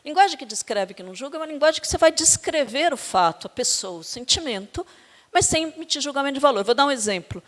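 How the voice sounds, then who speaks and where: A woman's voice: high voice, fast. Brazilian woman lecturing in a reverberant hall. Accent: Brazilian Portuguese. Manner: animated storytelling, acts out quoted dialogue. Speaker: university lecturer in education. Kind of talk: academic lecture with personal anecdotes.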